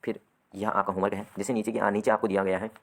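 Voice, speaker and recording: A man's voice: lowish voice, level tone, fast talker. A man teaching a grammar lesson to students. He poses questions, answers them himself, and keeps checking in with "theek hai.". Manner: repeats "theek hai" often.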